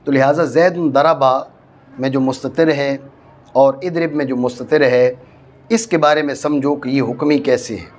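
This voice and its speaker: A man's voice: medium pitch, steady tone. A man from Pakistan, teaching a grammar class, explaining step by step and often checking that his students follow. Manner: explains step by step, repeats points, checks understanding. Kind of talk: classroom lecture on Arabic grammar.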